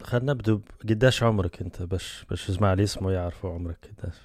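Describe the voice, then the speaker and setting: Man, Libyan accent, podcast host, dark mellow tone, enthusiastic, thinks out loud. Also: low-pitched, racing, no echo, clean studio sound. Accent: Libyan Arabic. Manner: enthusiastic, musing aloud. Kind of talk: casual podcast conversation.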